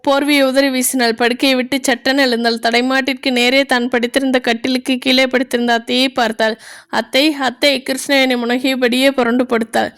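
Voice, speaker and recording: A woman's voice: high voice, clean tone. A woman reading a family story aloud as narrator, telling it in a plain storybook manner.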